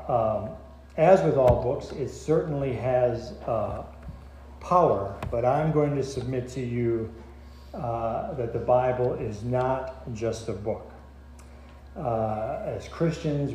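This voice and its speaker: Slow, halting pastor in an echoey church. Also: male voice, mid-range voice, dark tone. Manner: slow, halting delivery with many filler pauses. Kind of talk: sermon. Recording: echoey church hall with faint noise.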